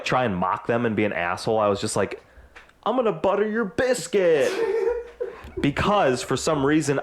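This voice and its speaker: A man's voice: medium pitch, slight background noise. A man co-hosting a podcast, telling a long rambling story in casual chat, full of "like" and "uh". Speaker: podcast co-host.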